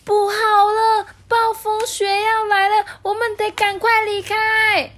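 Woman doing Pipi, a chirpy squeaky penguin. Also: moderate pace. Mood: alarmed. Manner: chirpy, excited. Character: eager cheerful young penguin guide.

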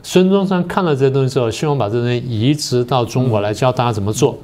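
An older man, a political science professor and guest on a talk show, explaining history in a slow, methodical way. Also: medium pitch, a little mellow. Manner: methodical, explains step by step with many pauses.

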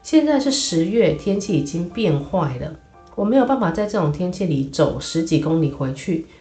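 A woman's voice: on the low side, sing-song, moderate pace, dark tone, roomy sound, soft background music. A woman voicing a mean, sour aunt who scolds and sneers at a boy, in a storybook reading. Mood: grumbling. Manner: scolding, contemptuous.

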